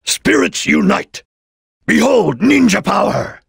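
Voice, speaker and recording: A proud, stern ninja chameleon from a video game, with a husky, gravelly edge. He speaks in formal, clipped declarations with very animated pitch, solemn and disciplined. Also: takes it slowly, no room sound, studio quality, exaggerated voice. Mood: intense battle cries. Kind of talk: video game character voice acting.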